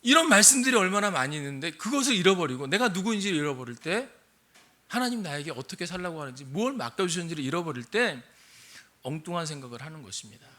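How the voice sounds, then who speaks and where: A man's voice: a little high, sing-song, fast, pushed and bright. An older man, a missionary pastor, preaching a sermon and asking his congregation questions. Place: church sanctuary.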